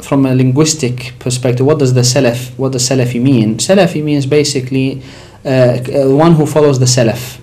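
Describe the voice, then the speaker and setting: A man's voice: mid-range voice, fairly even intonation, brisk, hardly any pauses, mellow. Man from Iraq, studio religious guest, emphatic explainer. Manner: explanatory, rising emphasis on key points. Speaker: sheikh answering questions. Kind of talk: religious call-in discussion.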